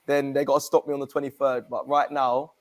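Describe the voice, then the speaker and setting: Speaking a touch quickly in a mid-range voice, this young man from England is a regular guest on a football fan channel. He keeps the casual chat lively and slangy, laughing readily.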